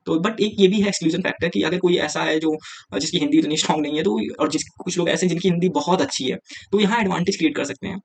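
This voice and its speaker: Young guy tutor, highish gravelly voice, chatty, talks straight to students. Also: quick pace. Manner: talks straight to viewers, often saying "yaar". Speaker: exam prep teacher. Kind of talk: casual Hindi-English lecture.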